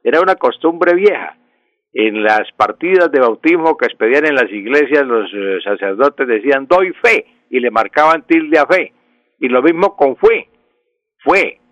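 A man who explains spelling rules on a radio call-in show, calm and repetitive, going back over his key points. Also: medium pitch, moderate pace, no echo. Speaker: language expert on a radio show. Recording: dry, dull radio broadcast sound.

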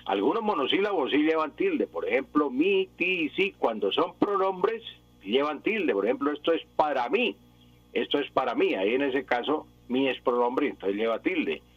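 A man's voice: medium pitch, breathy edge, dry recording. A man who is the language expert on a radio show, patiently explaining spelling rules and repeating his examples one by one. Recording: dull lo-fi radio broadcast.

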